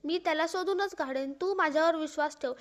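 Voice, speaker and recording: A stern older aunt in a storybook, quick to scold and quick to comfort, as a woman narrator puts her on. The voice sits high and bright. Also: close to an everyday voice. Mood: consoling. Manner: scolding then consoling.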